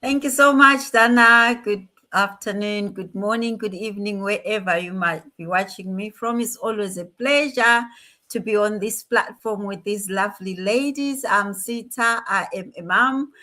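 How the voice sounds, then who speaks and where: Bright-voiced woman. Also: mid-range voice, moderate pace. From Zimbabwe. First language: Ndebele. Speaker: nurse and online business owner. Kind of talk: live stream introduction.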